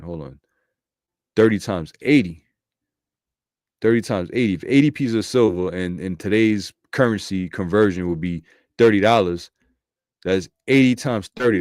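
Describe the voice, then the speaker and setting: Slangy, low-voiced man preaching casually. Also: a little mellow, dry recording, clean studio sound. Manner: slangy, profane, street-talking delivery; thinks aloud, restarts and self-corrects. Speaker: bible commentator. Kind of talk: casual scripture commentary.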